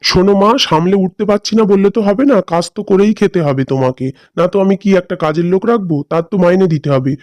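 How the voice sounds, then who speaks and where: A selfish grown son in a cartoon drama, voiced by a man, who talks bluntly and impatiently. His voice is high but mellow, and he speaks quickly. The recording is close and dry. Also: dry recording, lo-fi sound, lightly acted. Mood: callous. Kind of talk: cartoon voice acting.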